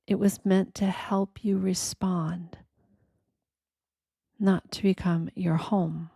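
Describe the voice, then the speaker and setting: A woman gives a quiet, reflective scripted reading in a gentle, deliberate manner, leaving pauses between short phrases. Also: fairly low pitch, little pitch movement, creaky, dry recording, clean studio sound. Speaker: narrator of a reflective spiritual reading.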